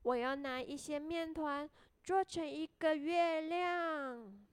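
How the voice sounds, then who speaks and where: A woman's voice: high-pitched, slow pace, no room sound, voice pushed up. A woman voicing a curious little girl in a children's story, sweet and wondering.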